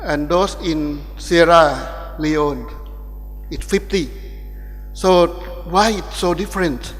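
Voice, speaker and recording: A man from Thailand with a Thai accent, giving a keynote lecture at a university ceremony in a halting way, with many restarts. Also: a little high, big-room sound, soft background music. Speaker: guest lecturer. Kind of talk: academic keynote speech. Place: large ceremonial hall.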